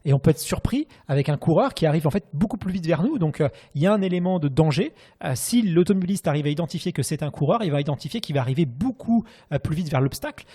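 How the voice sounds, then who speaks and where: A man's voice: on the high side, expressive, fast, hardly any pauses, warm tone, breathy edge. A man hosting a casual podcast chat, asking questions and giving advice to listeners. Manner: chatty, asks questions, gives listener advice. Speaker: podcast host.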